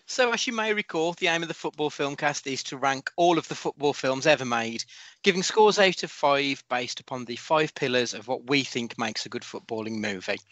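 A man's voice: mid-range voice, expressive, moderate pace, a bit bright, no echo, muffled recording. A man hosting a casual football podcast, chatty and sweary, steering the discussion. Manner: chatty, sweary, moves the talk along. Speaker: podcast host. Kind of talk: casual podcast chat with scripted segments.

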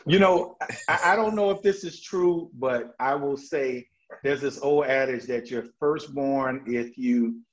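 Energetic laughing man on lo-fi audio. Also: medium pitch, measured pace. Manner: energetic, laughing storyteller with many restarts. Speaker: guest. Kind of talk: casual interview chat. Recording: dull lo-fi audio.

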